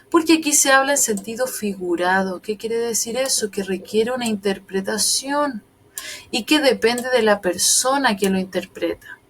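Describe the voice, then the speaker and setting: A woman's voice: fairly high pitch, slight background noise. A woman teacher giving a recorded lesson, explaining patiently step by step and often checking if her students follow.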